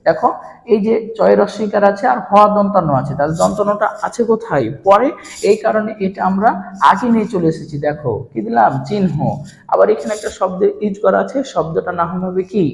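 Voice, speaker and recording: A man's voice: high voice, vocal fry. A man teaching a pronunciation lesson, asking questions and answering them himself. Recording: roomy hall with long reverb.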